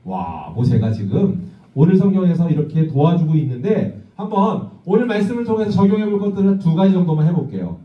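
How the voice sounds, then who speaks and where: Man pastor, children's sermon, animated storyteller; distant, dull-sounding mic. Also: high voice, a little fast. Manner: lively, asks the children questions and acts out voices. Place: church hall. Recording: distant, echoey, dull church recording.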